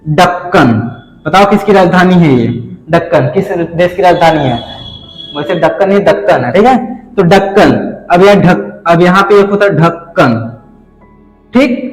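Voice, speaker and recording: Man teaching at a board, echoey room. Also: sits high. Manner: explains at a board, asks and answers his own questions. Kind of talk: classroom lecture.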